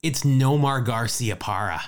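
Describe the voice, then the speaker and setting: A man's voice: mid-range voice, a little slow. A man co-hosting a casual sports podcast, reeling off statistics with a light, chatty manner. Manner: lively, rattles off stats. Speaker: podcast co-host.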